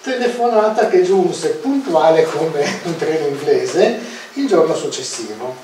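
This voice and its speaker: Man, author reading aloud, very slow, fairly high voice, heavy echo. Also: animated, heavy background noise. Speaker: author reading his book. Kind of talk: public reading at a book presentation. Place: outdoor public event. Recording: very echoey, distant outdoor sound.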